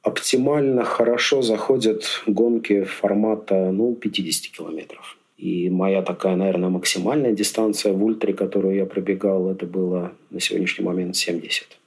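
Deep husky-voiced man, reflective. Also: fairly even intonation, normal speed, hardly any pauses, a little mellow. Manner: reflective, rambling, many fillers. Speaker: podcast guest, amateur triathlete. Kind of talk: casual interview chat.

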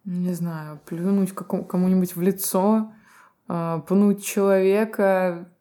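Женщина с низким мягким голосом. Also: female voice, on the low side, steady tone, slow pace, warm tone. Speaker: podcast co-host. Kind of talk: podcast conversation.

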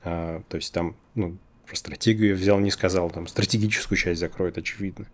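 A man with a low voice and a noticeable difficulty pronouncing the letter r. He speaks as an interview guest in a casual register, hesitating and drawing out pauses while he thinks through his answers. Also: steady tone. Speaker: interview guest, design company executive.

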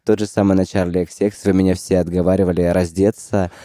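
A man's voice: sits low, little pitch movement, fairly quick, dark tone, dry recording, studio quality. A man who performs as a drag queen, chatting casually and bluntly with heavy swearing and loose, broken-off phrases. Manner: blunt, heavily profane, loose fragmented phrasing. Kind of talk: casual chat.

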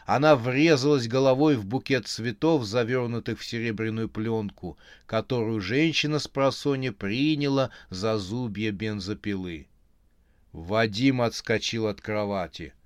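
A man narrating an audiobook in an even, measured storytelling manner. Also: lowish voice, smooth, no room sound, clean studio sound.

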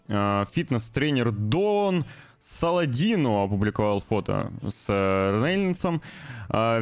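A man's voice: lowish voice, darkish tone, no room sound. A man hosting a gaming and film news show, commenting informally and hesitantly with ironic asides.

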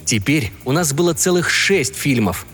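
A man reading a story aloud as an audiobook narrator, in a measured, expressive way. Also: on the high side, breathy edge. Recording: long reverb, faint music behind.

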